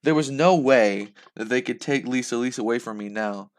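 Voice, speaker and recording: Young male reader, animated, laughs between lines, live reaction. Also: medium pitch, normal speed. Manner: animated, laughs and breaks off mid-sentence. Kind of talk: reading aloud with reactions.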